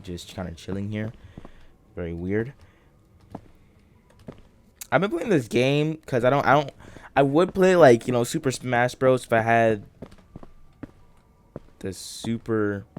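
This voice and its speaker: A young man with a groggy morning voice giving rambling, halting commentary while playing a game, full of fillers and restarts. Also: fairly low pitch, lively intonation, a little hiss or hum. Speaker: gaming channel host. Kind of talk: casual let's-play commentary.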